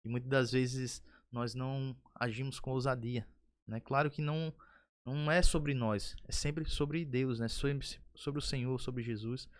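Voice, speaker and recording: A man's voice: mid-range voice, measured pace. Earnest man telling a church story. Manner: earnest storytelling, rising when excited. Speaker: podcast host. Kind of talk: casual testimony chat.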